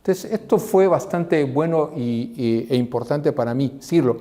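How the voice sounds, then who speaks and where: Brief: middle-aged teacher, mellow tone, lively class-discussion delivery. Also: male voice, normal speed. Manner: animated, acts out quoted voices in a raised pitch. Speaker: seminary teacher.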